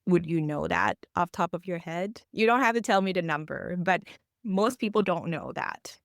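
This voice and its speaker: A woman's voice: on the low side, moderate pace, gravelly, no echo, studio quality. A woman, explaining earnestly as a financial coach in a podcast interview, with phrasing. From Thailand.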